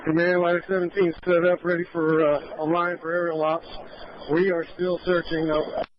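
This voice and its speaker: Ladder crew guy, matter of fact, highish monotone, muffled radio. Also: moderate pace. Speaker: firefighter, ladder company. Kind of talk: firefighter radio traffic. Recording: noisy muffled two-way radio.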